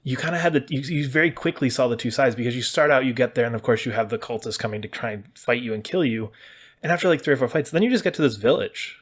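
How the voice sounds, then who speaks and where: A man talking casually through a story's best moments, now and then slipping into quick put-on voices for the characters. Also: mid-range voice, slightly rough. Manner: chatty, acts out characters' lines in quick voices. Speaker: gaming channel host. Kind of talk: casual spoiler discussion.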